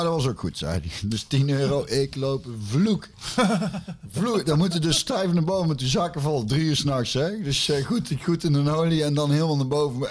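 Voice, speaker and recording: A man in casual chat, telling a long anecdote full of fillers, curses and his own laughter. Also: mid-range voice.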